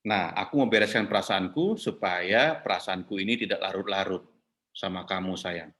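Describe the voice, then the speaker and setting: A man voicing a hurt wife who speaks calmly and softly to her husband, his voice dropping low. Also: normal speed. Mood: gently hurt. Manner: soft, calm and lowered in tone.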